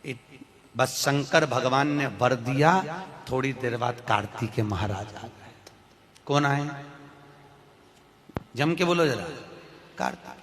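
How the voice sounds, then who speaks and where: A man's voice: medium pitch, very animated, slow pace, pauses often, fairly bright tone. A man preaching a devotional sermon, quizzing the gathering with questions and acting out dialogue between deities with rising emotion. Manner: calls questions to the crowd, acts out divine dialogue with rising emotion. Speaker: katha preacher. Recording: echoey hall with long reverb.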